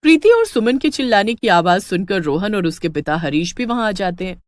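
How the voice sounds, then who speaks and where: Woman telling a cartoon story, swoopy animated voice, dry close sound. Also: medium pitch, a little fast, dry recording. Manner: expressive, lively storytelling. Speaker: narrator.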